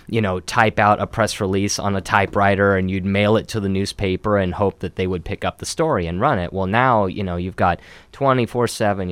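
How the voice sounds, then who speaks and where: Very deep-voiced man, upbeat and chatty. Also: no echo. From Oregon. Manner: upbeat, chatty, many fillers. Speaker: city communications specialist. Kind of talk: conversational interview answers.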